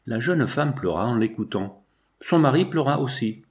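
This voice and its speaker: A man narrates an old novel in a measured and expressive audiobook reading. His voice sits in an ordinary middle pitch for a man. The tone is steady storytelling throughout.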